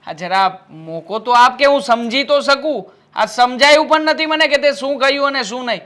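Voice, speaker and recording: Peacemaking husband, bright mid voice, calm and soothing. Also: male voice, very high voice, normal speed. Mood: placating. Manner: calm, placating. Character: patient husband caught between wife and mother.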